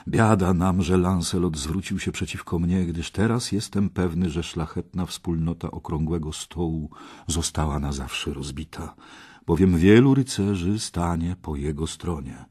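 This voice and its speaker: A man's voice: low-pitched, a little slow, a little mellow, breathy edge. A man voicing a stern, grieving king in an audiobook, solemn and commanding.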